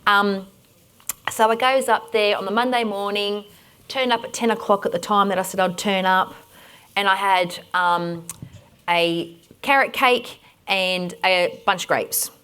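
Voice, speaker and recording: Energetic Australian woman leading a workshop. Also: mid-range voice, measured pace, clean tone. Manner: direct, energetic and instructing. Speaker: workshop presenter. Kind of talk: conference workshop talk.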